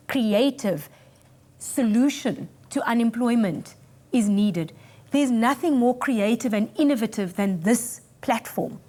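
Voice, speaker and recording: A woman's voice: on the high side, a little mellow. Blunt South African woman judging contestants. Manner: blunt, stern. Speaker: talent show judge. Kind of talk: critical feedback to contestants.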